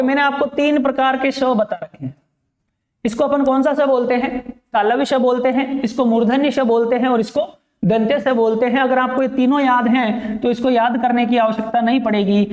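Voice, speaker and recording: A man's voice: extremely high pitch, roomy sound. A male teacher giving a grammar lesson, reciting letters one by one and repeating his questions to the class before answering them himself.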